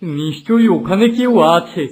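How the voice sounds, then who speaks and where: A man voicing a poor, kind-hearted village father in a cartoon, speaking gently. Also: high-pitched, expressive, normal speed, slight background noise. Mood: worried. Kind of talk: cartoon voice acting.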